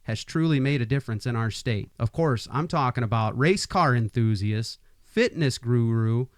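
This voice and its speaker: A man's voice: mid-range voice, expressive, normal speed, no room sound. Forties guy from iowa hosting a podcast, hypes things up, rambles a bit, dry mic. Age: 40s. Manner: upbeat hype-man intros, chatty with many restarts. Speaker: podcast host. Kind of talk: casual podcast interview.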